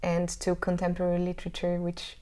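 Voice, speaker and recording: Speaking fairly quickly in a monotone, a woman with a fairly low, mellow voice and a Hungarian accent fields casual interview questions as a singer. She answers with thought, often breaking off to restart sentences as she looks for words.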